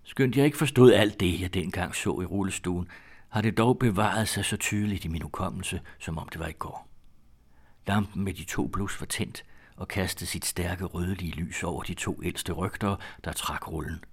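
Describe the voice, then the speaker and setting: A man with a low, deep voice reads an old story aloud at an unhurried, measured pace. His delivery is descriptive and steady, as in an audiobook reading. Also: husky. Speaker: narrator.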